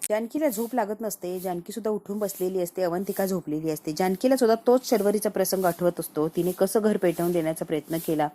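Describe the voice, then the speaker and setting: Woman serial reviewer, casual dramatic recap narration, warm mellow voice. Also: medium pitch, fast talker, hardly any pauses. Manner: lively, dramatic retelling.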